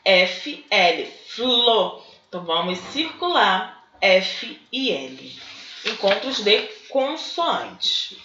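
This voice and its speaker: A woman teacher, slowly working through textbook exercises and breaking words into syllables. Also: medium pitch, big pitch swings, background noise. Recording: dull, echoey room recording.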